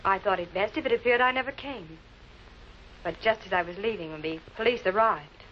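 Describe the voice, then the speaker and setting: In a 1940s American TV crime drama, an actress with an American accent portrays a poised woman who explains things guardedly. Her delivery is lightly acted, medium-pitched and fairly quick, on a muffled old soundtrack with music and slight background noise.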